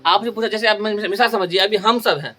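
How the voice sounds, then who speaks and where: A man's voice: high-pitched, a little fast, sharp tone. A man teaching a grammar lesson in a classroom style, asking questions and then answering them himself, and repeating key terms.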